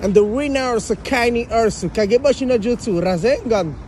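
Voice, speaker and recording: A man's voice: very high voice, moderate pace, darkish tone, slight background noise. Man spouting confident fake English. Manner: confident nonsense patter, calls people bro. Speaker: hidden camera prankster. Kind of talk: street prank, fake English gibberish.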